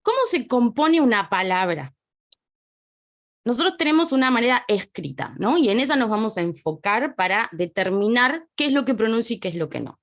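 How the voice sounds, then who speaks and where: Lively Argentine woman teaching a lesson. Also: a little high, normal speed, no room sound, studio quality. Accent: Argentine Spanish. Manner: chatty, lively explaining, drifts away from the mic while writing. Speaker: French teacher. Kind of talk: online language lesson. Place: small home study desk.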